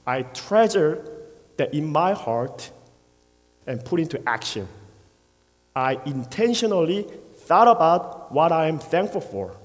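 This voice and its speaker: A man in his thirties from South Korea, speaking with a Korean accent, giving an earnest, prepared personal testimony at church with brief pauses. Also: fairly high pitch, lively intonation. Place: church sanctuary. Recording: long church hall reverb.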